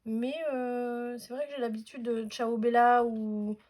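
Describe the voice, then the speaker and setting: A woman's voice: on the high side, fairly even intonation, a little slow, a little mellow. A woman hosting a casual scrapbooking tutorial at home, chatty and hesitant, with many fillers.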